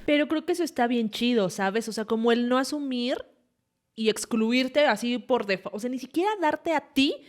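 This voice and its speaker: A woman with a Mexican Spanish accent co-hosts a podcast in casual conversation. She listens supportively and answers mostly with short affirming replies. Her voice is slightly high. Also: normal speed. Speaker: podcast host.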